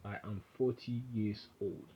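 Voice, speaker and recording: In this casual coding tutorial captured from his screen, a programming instructor wanders through the material and keeps correcting himself while typing. He speaks a little slowly in a husky, fairly low voice, and the audio has its highs cut off.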